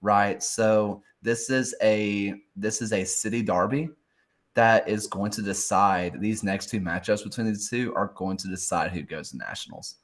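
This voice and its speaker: A man's voice: on the low side, steady tone, moderate pace. A man co-hosting a soccer show in casual chat, hesitant, often trailing off and restarting his thoughts.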